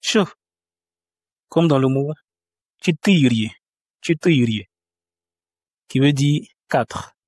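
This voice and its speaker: A man giving a spoken lesson on pronunciation. He talks patiently, repeats each example word slowly, and often hesitates mid-sentence. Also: medium pitch, a little mellow, dry recording, clean studio sound. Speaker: language teacher.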